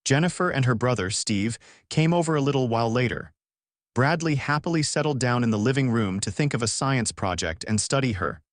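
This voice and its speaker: Male author-narrator, mid-pitched, dry close sound, steady storybook read. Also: fairly quick, no echo. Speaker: author reading his story.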